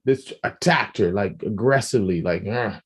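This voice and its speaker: A man co-hosting a podcast, talking in a casual, animated way, often restarting and repeating words and acting out quoted speech. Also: mid-range voice, unhurried. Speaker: podcast co-host.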